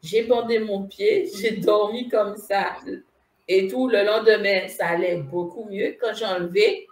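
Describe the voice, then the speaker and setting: A woman appearing as a spiritual medium guest casually tells a personal story in a mid-range voice at a measured pace. She is animated, repeats phrases, and laughs as she goes, with a roomy sound to the recording.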